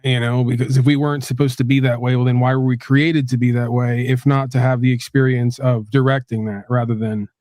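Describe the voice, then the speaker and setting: A man's voice: medium pitch, level tone, a little fast, hardly any pauses, darkish tone, no echo, clean studio sound. A man musing philosophically in casual discussion, often checking in with his listeners. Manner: reflective, often checks with "right?".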